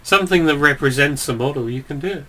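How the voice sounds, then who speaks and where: A man's voice: fairly high pitch, quick pace, sharp tone. A young man from England co-hosting a gaming video, talking in dry, teasing banter. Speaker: let's play co-host. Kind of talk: casual gaming chat.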